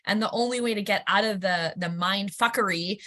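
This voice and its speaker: Woman co-host with a crisp, bright tone, emphatic and earnest in casual talk. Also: mid-range voice, brisk. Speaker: podcast co-host. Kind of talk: casual chat.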